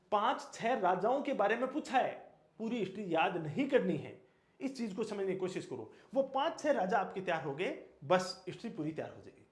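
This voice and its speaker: Emphatic high-voiced teacher. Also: male voice, echoey room. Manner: emphatic, repeats key words, asks and answers own questions. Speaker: exam coaching teacher. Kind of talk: motivational exam lecture.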